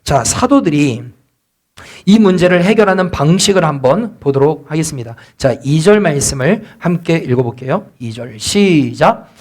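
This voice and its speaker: High-voiced male pastor preaching. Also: expressive, moderate pace. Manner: asks the congregation rhetorical questions; acts out complaining church members in quotes. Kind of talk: sermon. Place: church sanctuary.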